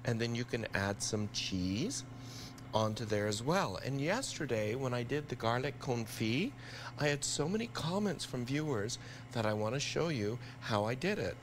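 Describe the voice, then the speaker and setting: A man's voice: mid-range voice, expressive, normal speed, slight background noise. An older man, a TV chef, talking viewers through a recipe in a studio kitchen, upbeat and enthusiastic. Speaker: TV cooking chef. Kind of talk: live TV cooking demo.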